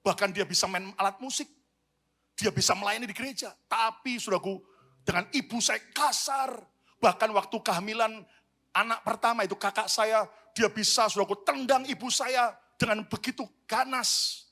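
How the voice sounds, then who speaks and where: Guy pastor preaching hard, high bright voice, makes the crowd repeat lines back. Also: moderate pace. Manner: energetic preaching with call-and-response to the congregation. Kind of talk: sermon.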